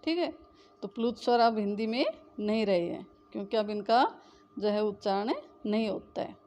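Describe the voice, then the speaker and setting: A woman's voice: mid-range voice, normal speed, darkish tone, a little hiss or hum. A woman teaching Hindi grammar, who asks the class questions and answers them herself, repeating the key terms. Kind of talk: classroom lesson.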